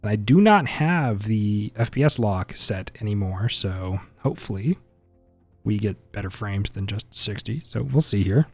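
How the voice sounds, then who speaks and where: A man's voice: lowish voice, lively intonation, a little slow, darkish tone, no room sound, soft background music. A man giving casual, opinionated gameplay benchmark commentary, chatty and mildly exasperated. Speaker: gaming content creator.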